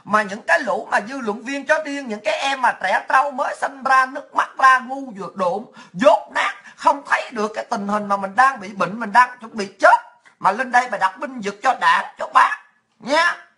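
A woman's voice: fairly high pitch, normal speed, bright, forceful tone. A woman ranting in a coarse, mocking and sarcastic monologue as a political vlogger.

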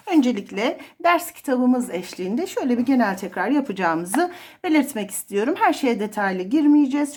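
A woman's voice: a little high, a little mellow. A woman literature teacher giving an explanatory exam review lesson, listing terms with frequent fillers.

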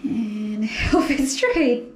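A young Filipino woman whose first language is Filipino chats playfully and giggles in a casual home vlog, filmed indoors in a small living room and bathroom. Her voice is on the high side with lively intonation, extremely slow, and darkish in tone. A handheld camera at arm's length picks up noisy home audio.

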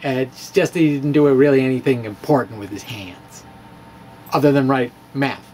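A middle-aged physics blogger reads his blog dramatically into a close, handheld-style mic on a stand, adding informal storytelling asides. His voice is mid-range, darkish and moderately paced. He's in a small room with bookshelves, and the room noise is clearly audible.

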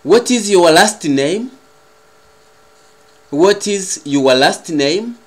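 His voice is high and his intonation lively as this Rwandan-accented English teacher, a native speaker of Kinyarwanda, runs a language lesson. He says phrases over again with deliberate, precise enunciation.

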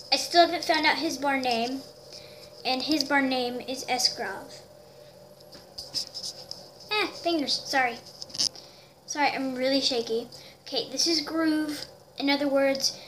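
A high, light-voiced girl rambles through a casual show-and-tell vlog, filled with little squeals and "um"s. She talks at an easy, unhurried pace into a handheld camera at home, with faint noise underneath. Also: a bit bright. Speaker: toy horse collector vlogger.

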